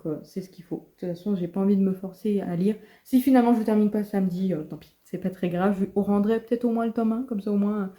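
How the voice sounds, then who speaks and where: A woman's voice: mid-range voice, dark tone. A woman chatting casually in a vlog about her reading plans, with many fillers and restarts. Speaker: book vlogger.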